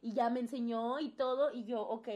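A woman's voice: a little high, normal speed, dull audio. A young woman with a Mexican accent, telling a personal story in casual chat and acting out the voices of the people in it. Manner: animated storytelling, acts out quoted voices.

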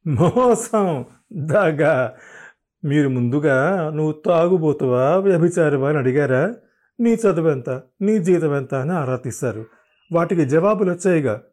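A man's voice: medium pitch, measured pace, a little mellow, lightly acted. A man voicing a drunken, crude young husband who mocks and bullies in a coarse, drawling manner. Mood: menacing. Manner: mocking and coarse, drawling with English endearments.

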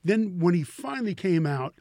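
An older man chatting casually about guitars and musicians, telling stories in a relaxed way with many fillers. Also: high voice, normal speed, no echo, clean studio sound. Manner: relaxed storyteller, lots of "you know".

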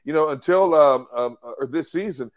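A man's voice: fairly high pitch, normal speed, dull audio. A man co-hosting a sports talk show, breaking down a football defense in an emphatic, analytical way with frequent restarts.

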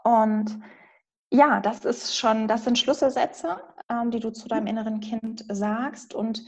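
A woman coach explaining inner-child work in a calm, gentle way during a podcast conversation. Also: fairly high pitch, unhurried. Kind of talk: podcast interview answers.

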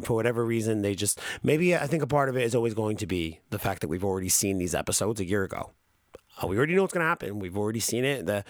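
A podcast co-host talks casually, rambling and cursing, full of fillers and restarts. His male voice sits on the lowish side, and the studio-quality recording has no room sound.

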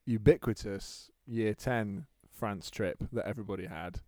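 Warm and unhurried, his fairly low voice comes through a clean studio recording with no room sound. He's an Englishman in his thirties co-hosting a podcast, chatting casually, telling stories and laughing a lot.

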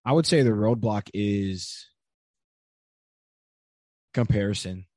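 A man's voice: fairly low pitch, slow pace, warm tone, dry recording, studio quality. Earnest young man telling stories. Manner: earnest, storytelling with lots of "like" fillers. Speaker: podcast guest. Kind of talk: casual conversational interview.

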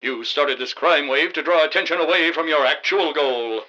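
Man as a high-ish, mock-heroic bumbling crime fighter. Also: normal speed, bright, forceful tone, dull audio. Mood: defiant, cocky. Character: earnest, bumbling, wisecracking male masked crime-fighting hero. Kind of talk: comic radio drama acting.

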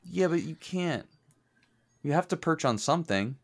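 Deadpan wisecracking man. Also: fairly high pitch, normal speed, creaky. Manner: dry, deadpan quips. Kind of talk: casual group chat.

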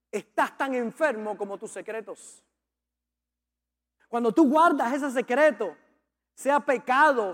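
A man preaching a sermon as a pastor, impassioned and repetitive as he urges the congregation on. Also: extremely high pitch. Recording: long reverb of a large hall.

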